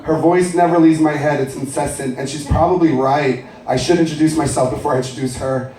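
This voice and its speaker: A man's voice: a little high, fairly even intonation, a little fast, a little mellow, a little hiss or hum. A man in his twenties doing wry, self-deprecating spoken-word storytelling at a cafe open mic. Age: 20s. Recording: echoey cafe, mic at a distance.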